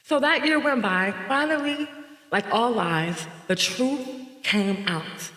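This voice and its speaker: A woman from North Carolina hosting a podcast, telling her own story in a reflective monologue with slow, emphatic repetition. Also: fairly high pitch, lively intonation, fairly bright tone. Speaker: podcast host. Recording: echoey reverberant room.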